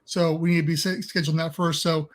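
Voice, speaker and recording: High-voiced man co-hosting a casual live stream. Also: level tone, fast talker.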